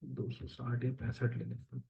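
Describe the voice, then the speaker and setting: An exam coaching teacher, male, walks through answers while sharing his screen, speaking Hindi sprinkled with English terms. His voice is medium-pitched, monotone and creaky at a normal speed, and the audio sounds dull. He keeps it casual and conversational, full of fillers and self-corrections.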